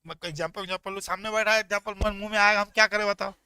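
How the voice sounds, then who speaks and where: Energetic high-voiced male teacher. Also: very fast, clear, resonant tone, dry recording. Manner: energetic, joking, talks straight to students. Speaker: tax teacher. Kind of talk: lively classroom lecture.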